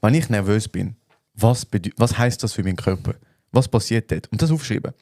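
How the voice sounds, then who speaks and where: Mellow Swiss German man, unhurried chat. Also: fairly low pitch, no room sound, studio quality. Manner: relaxed, thinks aloud with fillers. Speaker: podcast co-host. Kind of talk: casual chat.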